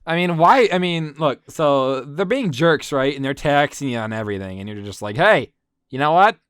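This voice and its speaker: A man's voice: medium pitch, lively intonation, moderate pace, a bit bright, smooth, no room sound, clean studio sound. A man co-hosting a casual podcast, joking irreverently and laughing often. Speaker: podcast co-host.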